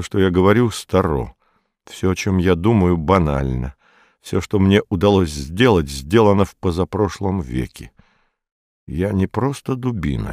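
A man narrating a novel as an audiobook in a measured, even way. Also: sits low, dry recording, studio quality.

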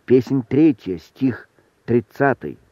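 A man's voice: mid-range voice, lively intonation, slow, no echo. A man voicing a talking magic mirror that recites verse in a grand, declamatory manner. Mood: solemn. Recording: thin phone-like sound, dry.

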